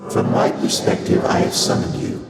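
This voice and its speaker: A man playing an ancient, courteous, detached deity of chaos in a video game, speaking in formal, stately phrases with faint amusement and a breathy voice in cavernous reverb. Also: normal speed. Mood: stately, intrigued. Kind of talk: video game character dialogue. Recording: echoing long reverb under loud music.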